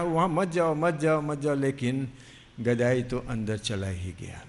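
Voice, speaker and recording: A man, a monk, telling a devotional story in a slow, explanatory way, stretching his words. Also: medium pitch. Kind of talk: devotional storytelling with sung verses. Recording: long hall reverb, faint music behind.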